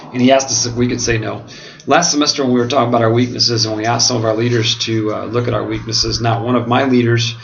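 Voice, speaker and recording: An American man speaking earnestly and haltingly in a reflective monologue, his mouth swollen after oral surgery as if numb from the dentist. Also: mid-range voice. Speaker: pastor and seminary student. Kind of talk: reflective monologue to camera, answering questions. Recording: dull lo-fi home video, clearly noisy.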